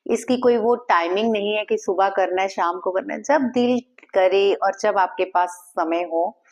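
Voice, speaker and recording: Woman, Reiki teacher, calm guided-meditation delivery, mid-pitched voice, steady soft repetition. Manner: calm, slow guiding with repeated chanted words.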